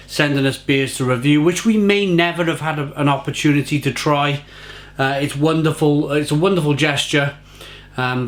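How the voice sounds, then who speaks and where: A man giving a casual, effusive beer tasting review, often repeating phrases for emphasis. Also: on the high side.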